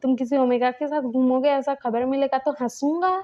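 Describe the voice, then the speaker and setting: A sulky, clingy young husband, put on by a woman telling a story, whining and pleading in a raised, pouting voice. The tone is soft and mellow rather than bright. The home recording sounds a little dull and muffled. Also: sits high, fairly even intonation, moderate pace, natural voice. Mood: hurt, sulky.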